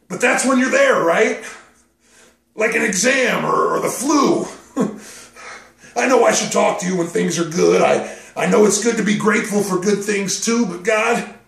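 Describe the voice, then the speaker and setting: A man's voice: high-pitched, creaky, a bit bright. An actor playing a man nervously pleading and bargaining with God. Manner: pleading, rambling, nervous joking. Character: desperate young man bargaining with God over a game. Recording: echoey, mic at a distance.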